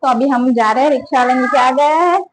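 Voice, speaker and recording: A woman's voice: high-pitched, brisk, a little hiss or hum, low-quality recording. A young woman, chatting casually to her phone camera at home for a family vlog. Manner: chatty, talks to her pet and family in between. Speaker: family vlogger.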